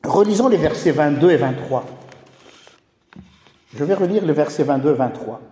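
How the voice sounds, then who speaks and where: A man's voice: on the high side, expressive, moderate pace, mellow. A man preaching a sermon, explaining scripture and addressing the congregation directly. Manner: teaching, rhetorical, addresses the congregation. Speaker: pastor. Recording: echoey hall with long reverb.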